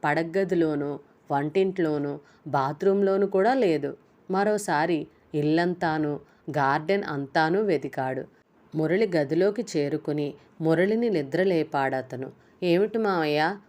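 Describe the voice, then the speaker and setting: A woman narrating a novel chapter in a steady, even storytelling voice. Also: deep voice, measured pace. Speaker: audiobook narrator. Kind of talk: reading a novel aloud.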